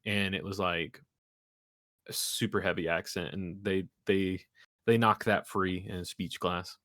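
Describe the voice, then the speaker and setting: A man's voice: sits low, a little slow, no room sound, clean studio sound. A young man from West Virginia with a mild Hoosier accent, chatting casually on a podcast and telling folksy stories. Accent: Indiana Hoosier, faint West Virginia traces. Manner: relaxed storyteller, folksy sayings. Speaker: podcast co-host. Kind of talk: casual chat.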